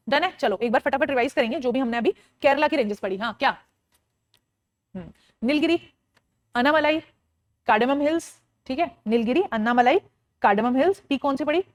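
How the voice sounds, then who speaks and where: A woman's voice: high voice, no echo. A woman teacher running an online exam-prep lecture, quizzing her listeners, answering her own questions and drilling lists in a sing-song chant, with English phrases mixed in.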